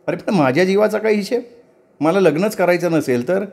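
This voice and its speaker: पुरुष कथाकथनकार साकारतो धीट, फटकळ तरुण गावकरी स्त्री. आवाज थोडा उंच, टोमणे मारणारा, न घाबरता ठामपणे बोलणारा. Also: male voice, high voice, animated, fairly quick, vocal fry, darkish tone, pitched above the performer's own voice. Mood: pleading. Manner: defiant, mocking. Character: bold, sharp-tongued young village woman.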